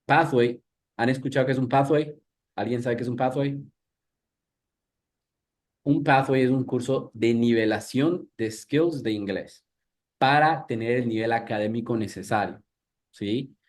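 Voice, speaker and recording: This thirty-something English teacher from Ecuador speaks in a mid-range voice at a measured pace, leaving long pauses. Leading a live workshop, he talks conversationally, restarting often and turning questions to his listeners.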